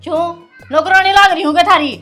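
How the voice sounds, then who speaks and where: A woman's voice: extremely high pitch, fairly even intonation, fast, bright, forceful tone, soft background music. An actress playing a defiant young daughter arguing with her father, speaking with a Haryanvi accent. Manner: argumentative, defiant.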